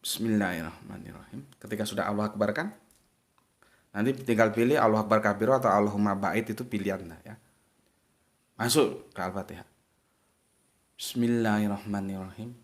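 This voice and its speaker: A man giving a casual spoken religious lesson to his viewers, chatty and emphatic, with big swings of pitch to stress his points. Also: fairly quick, pauses often.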